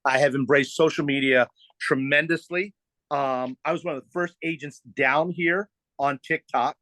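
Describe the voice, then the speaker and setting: A man's voice: a little high, fairly even intonation, moderate pace, pushed and bright, dry recording. A middle-aged man, a real estate agent, explaining at ease with fillers as a podcast guest. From United States. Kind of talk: podcast interview.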